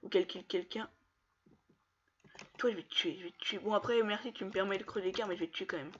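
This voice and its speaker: A man commenting casually on his own online matches, taunting opponents and breaking into excited yells. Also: high-pitched, quick pace, dull audio, slight background noise. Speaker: gamer streaming gameplay.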